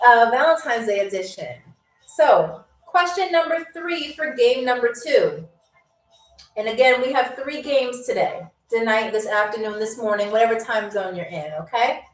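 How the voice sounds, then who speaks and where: Her pitch fairly high, a woman originally from New York hosts a live trivia stream in Albania, chatting with her audience, laughing frequently, and reading comments aloud. The room echoes and she sits far from the microphone, so her voice is a bit off-mic.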